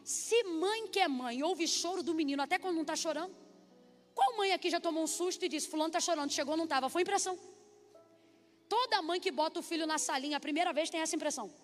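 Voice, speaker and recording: A woman preacher delivers an animated sermon and calls on the congregation to respond. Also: extremely high pitch, fast talker. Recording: long reverb hall, faint music.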